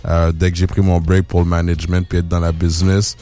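Deep-voiced Québécois rapper in his forties. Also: flat delivery, a little fast, dark tone, faint music behind. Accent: Québécois French. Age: 40s. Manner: laid-back, mixes in English slang. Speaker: rapper guest. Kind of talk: casual interview chat.

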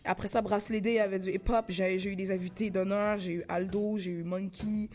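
A woman in her thirties with a Québécois French accent, a rapper chatting in an interview, laid-back, halting, full of slang and restarts. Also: medium pitch, little pitch movement, darkish tone. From Laval, Quebec. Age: 30s. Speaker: rapper guest. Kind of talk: casual interview chat.

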